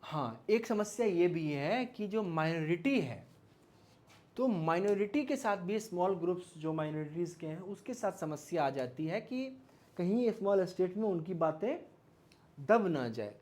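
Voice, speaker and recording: His pitch sits high with lively intonation, a darkish tone and a measured pace. This Indian-accented teacher explains material in a casual lecture blending Hindi and English, often asking questions and checking that listeners are following.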